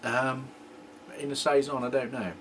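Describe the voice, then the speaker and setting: Rambling homebrew host. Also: male voice, mid-range voice, level tone, normal speed, background noise. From England. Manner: rambling, joking, throat-clearing. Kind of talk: casual homebrew tasting chat.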